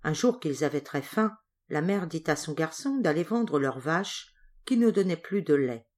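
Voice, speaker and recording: Expressive woman reading a fairy tale. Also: low-pitched, normal speed. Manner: expressive storytelling. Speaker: audiobook reader. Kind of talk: scripted narration of a folk tale.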